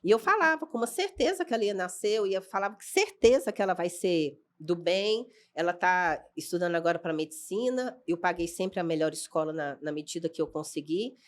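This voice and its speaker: A woman's voice: fairly low pitch, animated, brisk, hardly any pauses. A woman, a podcast guest earnestly telling her life story in a casual chat. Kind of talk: personal testimony in casual chat.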